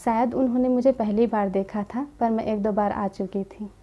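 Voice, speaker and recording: Woman, young adult, personal testimony, gentle storytelling, even delivery, dull recording. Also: a little high, normal speed. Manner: gentle storytelling, quoting dialogue in her own voice. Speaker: spiritual community member sharing her experience.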